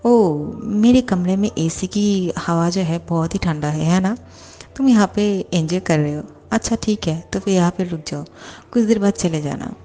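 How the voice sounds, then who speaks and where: A bossy young male boss who has fallen for his secretary, as a woman narrator puts him on. He talks in a clingy, teasing way in a lowish, mellow voice, read out as a fan story. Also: normal speed, close to an everyday voice. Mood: flustered.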